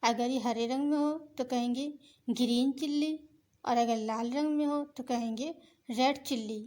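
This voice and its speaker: A woman teaching vocabulary, saying each word slowly and carefully and repeating it several times. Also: a little high, steady tone, dark tone. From Pakistan. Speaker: language teacher. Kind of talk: vocabulary lesson with repeated words.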